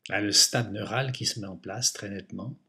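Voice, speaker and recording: A man narrating a nature documentary, explaining things in an unhurried way and speaking directly to the listener. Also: fairly low pitch, sharp tone. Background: music.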